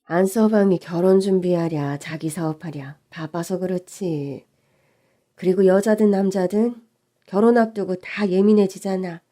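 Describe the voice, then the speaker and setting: A woman voicing a doting middle-aged mother who talks slowly and reassuringly in an audio story. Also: lowish voice, close to an everyday voice. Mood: soothing. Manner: slow, gentle and reassuring.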